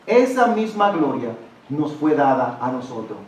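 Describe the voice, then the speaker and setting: Male pastor, high voice, preaching with rhetorical questions, recorded from far off in an echoey church. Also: very animated, measured pace, a little mellow, a little hiss or hum. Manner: asks the congregation rhetorical questions. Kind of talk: sermon.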